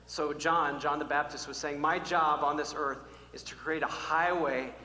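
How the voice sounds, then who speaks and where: A male pastor preaching a sermon to his church, emphatic and repetitive, swinging from loud calls to hushed, almost whispered lines. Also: fairly high pitch, steady tone, moderate pace. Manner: emphatic, repeats key words, varies from loud calls to near-whisper. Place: church sanctuary. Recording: echoey hall, faint hum.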